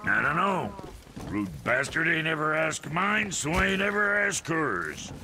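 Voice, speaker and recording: A gravelly, foul-mouthed dwarf blacksmith from a video game, drawling slowly with a voice that swoops high and low. His rough, folksy banter sits over a noisy game soundtrack. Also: big pitch swings, bright, forceful tone, exaggerated voice. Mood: gruff banter. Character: crude gruff male dwarf blacksmith.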